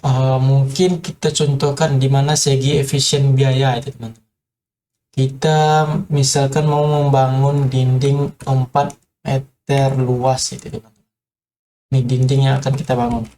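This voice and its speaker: A man's voice: mid-range voice, flat delivery, measured pace, mellow, slight background noise. A man giving an informal tutorial on construction, talking hesitantly with many filler sounds and addressing viewers as friends. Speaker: construction explainer.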